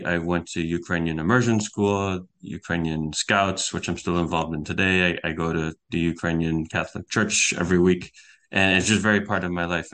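On a podcast interview, a guest journalist, a young man from the United States, talks in a low, flat voice. His manner is earnest and explanatory, and he restarts himself slightly now and then.

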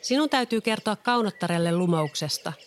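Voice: lively intonation, slight background noise, natural voice. A reader voicing a brave, earnest little girl in a storybook. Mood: urgent. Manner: high, eager childlike delivery. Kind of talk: storybook reading.

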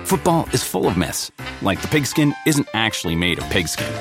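A man's voice: fairly low pitch, very animated, normal speed. A man reading a scripted commercial as an announcer. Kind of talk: scripted ad narration. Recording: clear music bed behind voice. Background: music.

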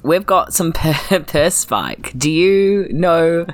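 A tabletop role-player talks casually and improvises with wry humor. The voice is mid-pitched and swings around in an animated way. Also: takes it slowly. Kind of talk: casual improvised game chat.

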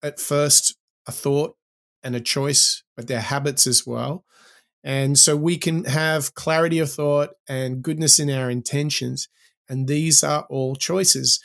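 A man's voice: medium pitch, fairly even intonation, unhurried, gravelly, fairly bright tone. A man co-hosting a podcast in conversation, with a nasal, pinched-nose sound from recovering from the flu. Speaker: podcast co-host.

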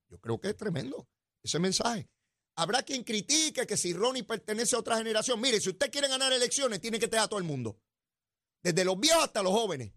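Animated older Puerto Rican radio host. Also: male voice, dry recording, clean studio sound. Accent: Puerto Rican Spanish. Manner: animated, teasing, swings between loud exclamations and low asides. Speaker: radio talk show host. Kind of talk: political commentary monologue.

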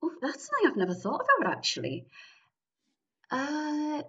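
Geordie lass from newcastle just chatting in an interview, bit far off and dull sounding. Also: female voice, high-pitched, wildly swooping pitch, normal speed, fairly bright tone. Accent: Geordie, northeast English. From Newcastle upon Tyne, northeast England. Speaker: guest, improv comedy performer. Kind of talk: casual interview chat. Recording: dull, distant-sounding lo-fi audio.

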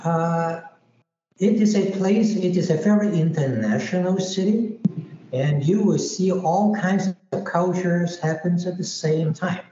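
Man, high and mellow voice, measured short answers, echoey muffled Skype call. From Hong Kong. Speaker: guest artist. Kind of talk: interview answers.

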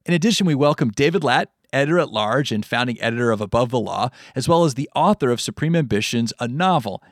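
A man's voice: mid-range voice, expressive, fast, dry recording, clean studio sound. A man with an American accent hosting a podcast from a script. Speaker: stand-in podcast host.

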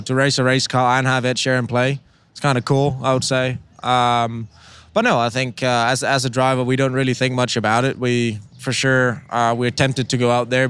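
A young man from Denmark, a racing driver, answering interview questions in a halting way with many repeated words and ums; his first language is Danish. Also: mid-range voice, a bit bright, clear, resonant tone.

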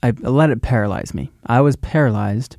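A man's voice: medium pitch, moderate pace, gravelly, a little mellow, no room sound, clean studio sound. A man hosting a podcast, speaking earnestly in casual chat and laughing easily. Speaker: podcast host.

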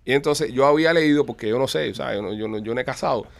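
A man's voice: mid-range voice, fast talker, vocal fry. A man telling a shared funny story in casual chat, jumping in to add details with a laugh.

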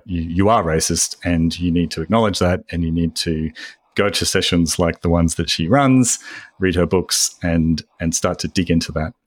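A man co-hosting a podcast, explaining his view in a measured, dry way. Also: low voice, dry recording. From Australia. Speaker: podcast co-host. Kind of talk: casual discussion.

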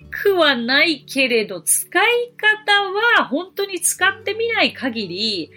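A woman's voice: high voice, sing-song, takes it slowly, sharp tone. A woman hosting a podcast lesson as an English teacher, explaining things step by step in a friendly, encouraging way.

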